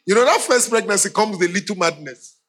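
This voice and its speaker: A man's voice: high-pitched, lively intonation, fast, a bit bright. A middle-aged Nigerian man preaching a humorous sermon, laughing often and acting out voices in his stories. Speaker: pastor.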